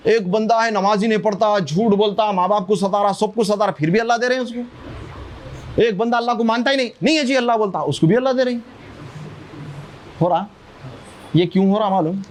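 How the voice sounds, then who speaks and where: A man giving an animated religious talk to schoolchildren, asking them questions and acting out their prayers. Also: sits high, slight background noise. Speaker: speaker at a school. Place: school classroom.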